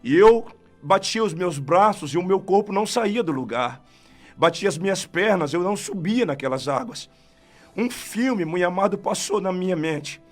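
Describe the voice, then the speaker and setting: Evangelist, man, Brazilian Portuguese accent, higher voice, fervent testimony, faint music under. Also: lively intonation, normal speed. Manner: fervent storytelling, often calling out to God. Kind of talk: testimony in a radio interview. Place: radio studio.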